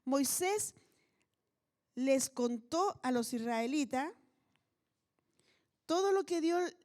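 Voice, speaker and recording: A woman's voice: high-pitched, animated, drawn-out words, darkish tone. A pastor with a Chilean accent preaching a sermon to her congregation in an explanatory way, often checking in with them. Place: church meeting.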